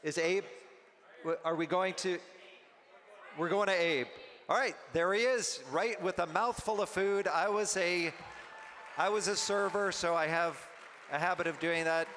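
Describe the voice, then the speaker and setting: A man serving as emcee at a luncheon, making chatty, unhurried announcements with some halting restarts. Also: high-pitched, a bit bright, a faint crowd. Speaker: event emcee. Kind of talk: event hosting announcements. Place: luncheon banquet hall. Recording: long hall reverb, faint noise.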